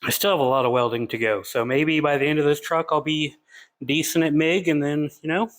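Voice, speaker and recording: A man's voice: a little high, fairly quick. Casual self-deprecating man in a garage. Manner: relaxed, self-deprecating, rambling with fillers. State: out of breath. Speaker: channel host, hobby fabricator. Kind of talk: casual workshop vlog talk.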